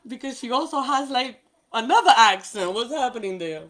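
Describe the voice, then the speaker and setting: A New York woman whose first language is Spanish demonstrates nail art on a livestream, speaking with a Spanish-influenced New York accent. She chats casually, addresses viewers by name, and laughs often. Her voice is a little high and fairly bright, with lively intonation at a normal speed.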